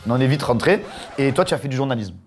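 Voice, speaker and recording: A man with a southern French accent, co-hosting a lively, joking casual chat. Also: mid-range voice, racing, faint music behind. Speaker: co-host.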